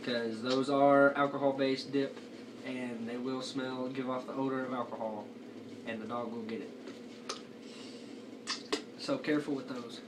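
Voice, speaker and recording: A man's voice: medium pitch, level tone, measured pace, pauses often. Young man with dip in lip, distant mic. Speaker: amateur product reviewer. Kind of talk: casual chat review. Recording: noisy, distant home video microphone.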